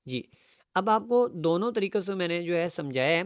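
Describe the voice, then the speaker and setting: A male Quran teacher delivers a tajweed lesson, shifting between brisk, quick explanation and slow, drawn-out recitation of verses. His high-pitched voice is smooth and resonant with lively intonation, recorded dry and close with no room sound or echo.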